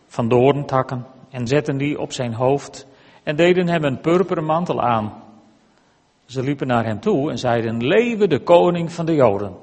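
A man giving a measured, deliberate scripture reading in a church. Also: mid-range voice, a little mellow, long reverb tail. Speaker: scripture reader.

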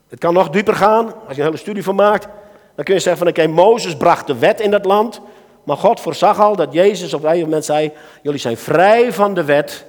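A man with a Dutch accent preaching a sermon to a church gathering, swinging between soft asides and loud calls to his listeners. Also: on the high side. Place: church hall. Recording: reverberant hall.

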